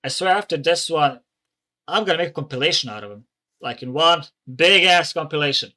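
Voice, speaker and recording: Bright-voiced male reaction host. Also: on the high side, lively intonation, brisk. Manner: rambling, swears, chatty. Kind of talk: casual reaction commentary.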